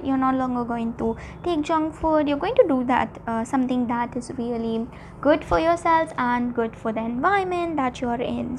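A woman's voice: high-pitched, creaky, slight background noise. A woman giving an informal, mystical horoscope-style tarot reading, speaking directly to listeners in repetitive, hesitant phrases. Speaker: tarot reader.

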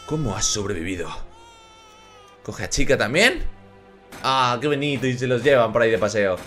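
A man with a Spain Spanish accent giving excitable reaction commentary as a YouTuber, exclaiming at the screen. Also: medium pitch, fairly quick, faint music behind. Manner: animated, exclaiming and shouting at the screen.

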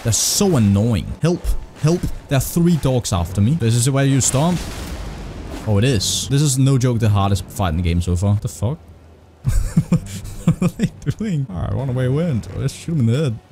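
Excitable man on a heavily compressed mic. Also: normal speed, a little hiss or hum. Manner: excitable, swears a lot, jumps into high shrieks. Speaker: gaming video creator. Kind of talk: live gameplay commentary. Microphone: desk mic with compressor.

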